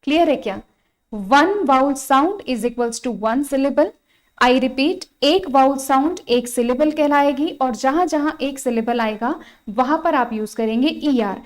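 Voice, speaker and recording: Woman, high voice, teaching English grammar, repeats each point, asks students questions. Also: slow pace. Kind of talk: exam-prep grammar lesson.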